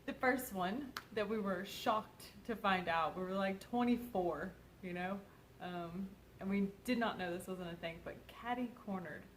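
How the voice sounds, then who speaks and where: Speaking a little slowly at medium pitch, this young Kentucky co-host, her Southern accent faint, meanders through casual explanations loaded with filler words. The rough recording carries some hiss or hum.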